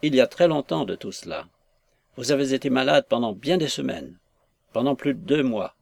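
A tender young girl begging her father softly, read by a male narrator. Her lines come as a gentle plea in an audiobook, lifted slightly above the reader's usual voice. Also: medium pitch, animated, normal speed, vocal fry, dry recording. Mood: pleading. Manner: pleading. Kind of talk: audiobook reading.

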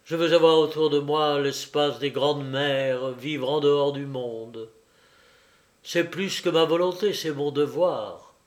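A man reading aloud and voicing a grave, resolute young sailor who speaks in a solemn, measured way. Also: a little high, fairly even intonation.

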